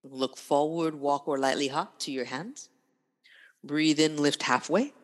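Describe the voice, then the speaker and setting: A woman instructor guiding a yoga class with calm, unhurried cues in short, breath-led phrases. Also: low voice. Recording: long reverberant room echo.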